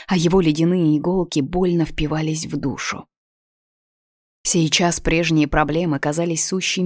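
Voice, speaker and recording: A woman narrates a tense first-person story with feeling. Her voice sits a little low, and the recording is dry and close, with no room sound. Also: darkish tone, no echo. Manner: emotional, dramatic reading. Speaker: audiobook reader.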